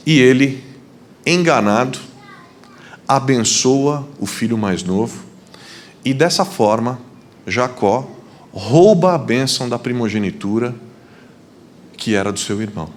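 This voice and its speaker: A male pastor preaching, telling a Bible story in an animated, humorous way. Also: medium pitch, measured pace, pauses often, slight background noise. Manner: animated, acts out biblical dialogue with humor. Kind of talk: storytelling sermon.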